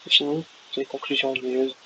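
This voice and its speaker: A man's voice: medium pitch, little pitch movement, a little fast, sharp tone. A man reading a mocking battle-hungry warrior. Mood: taunting. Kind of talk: reading game dialogue aloud. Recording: lo-fi with faint hiss.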